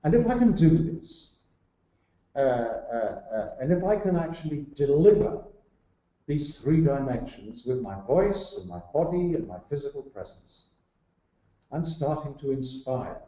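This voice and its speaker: A man with a fairly high, sing-song voice and a dark tone speaks unhurriedly as a guest on the topic of leadership. He explains by building emphatic lists of examples, with a few fillers along the way. The recording sounds roomy and muffled.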